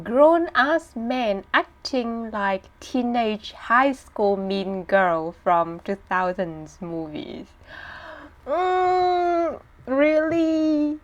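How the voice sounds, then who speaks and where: A woman giving casual commentary on online comments, reacting in disbelief with expressive emphasis and repeated phrases. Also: mid-range voice, extremely slow, few pauses, muffled recording. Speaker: small online content creator.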